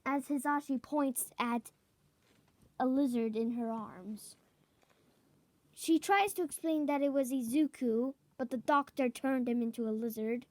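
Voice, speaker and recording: High-voiced woman narrating a fan story. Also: a little mellow, dry recording. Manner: halting, self-correcting, clears throat.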